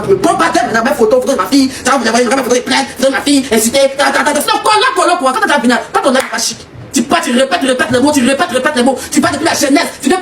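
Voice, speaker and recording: A woman's voice: fairly high pitch, roomy sound, recorded from a distance, noisy background. A woman with an Ivorian French accent, ranting accusingly in a heated live stream, repeating herself and laughing scornfully. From Côte d'Ivoire. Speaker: social media personality.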